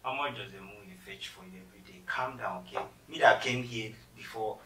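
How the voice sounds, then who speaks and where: A young man acting as a job applicant who keeps calming his friend. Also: fairly low pitch, a little fast, natural voice. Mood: pleading. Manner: pleading, placating. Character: anxious young male job seeker, peacemaker. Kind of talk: skit acting. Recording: echoey room, mic far off, noisy.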